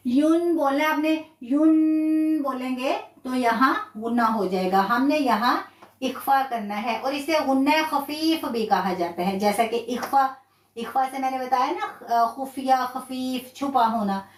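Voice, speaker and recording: A woman's voice: sits high, echoey room, distant mic. A woman teaching a live online Quran recitation lesson, patiently explaining rules step by step and drilling letters one by one. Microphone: live stream.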